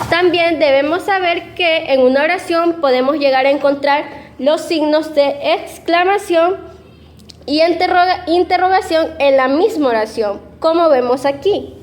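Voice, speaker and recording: A woman's voice: high voice, slight background noise. A young woman giving a class presentation, explaining step by step with fillers and self-corrections. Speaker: student presenter.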